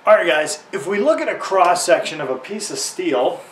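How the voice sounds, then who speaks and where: In a garage or workshop beside a tractor, a welding instructor in his thirties explains a task to camera informally, using plain terms and simple analogies. His voice sits high and is expressive at a moderate pace. The recording sounds roomy, with a distant mic and faint background noise.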